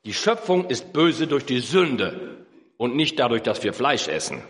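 A man preaching a sermon, swinging between emphatic high peaks and low, slow earnest passages. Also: very animated, fairly bright tone. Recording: echoey hall.

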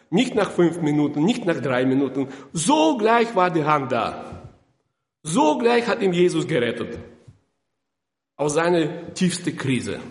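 High-voiced, slow-talking preacher in a hall. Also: male voice. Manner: emphatic, repeats words, stumbles. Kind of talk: sermon with Bible reading.

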